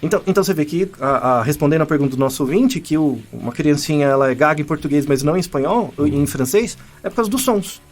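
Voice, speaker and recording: A man's voice: a little high, lively intonation, fast talker, hardly any pauses, darkish tone. A man, a scientist co-host, explaining things in casual podcast chat with lots of examples and repeated words.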